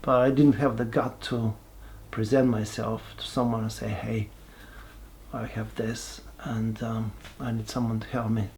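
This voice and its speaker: A man, giving a halting, reflective personal testimony with many pauses and restarts. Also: on the low side, level tone, vocal fry, darkish tone, slight background noise. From Bulgaria. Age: 40s. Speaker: person sharing his life story.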